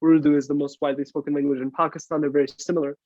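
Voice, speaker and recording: A man's voice: fairly high pitch, level tone, racing, a little mellow, no echo. A man born in the United States, eagerly jumping into a casual podcast chat with his own comments. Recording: slightly dull lo-fi sound.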